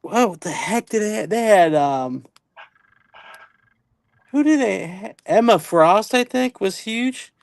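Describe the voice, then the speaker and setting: A man with a fairly high voice chats casually and easily, often trailing off and picking the thought up again. The sound is dry and close. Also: expressive, slow, creaky, long pauses, dry recording. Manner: easygoing, trailing off mid-thought. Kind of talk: casual chat.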